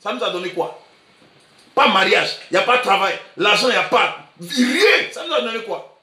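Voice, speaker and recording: A male pastor with an Ivorian French accent, preaching emphatically and repeating himself, sometimes breaking into shouts. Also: high voice, animated, normal speed, far from the mic. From Côte d'Ivoire. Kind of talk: sermon. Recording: echoey room, voice from afar.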